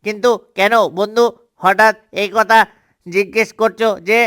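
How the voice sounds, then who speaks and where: A man's voice: high voice, flat delivery, moderate pace, fairly bright tone, smooth. A man voicing a father duck who speaks steadily while searching for his lost duckling. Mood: worried.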